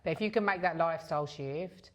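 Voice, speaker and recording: A woman, chatting on a podcast. Her voice sits a little low, and she talks in a supportive, matter-of-fact way. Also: quick pace. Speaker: podcast co-host. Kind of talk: casual chat.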